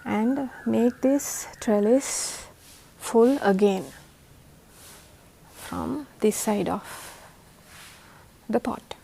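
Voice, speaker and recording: A woman's voice: on the high side, drawn-out words, gravelly, pauses often, mellow, husky. A woman with a tired voice, patiently explaining plant propagation step by step as host of a gardening tutorial. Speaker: host of a plant-growing channel.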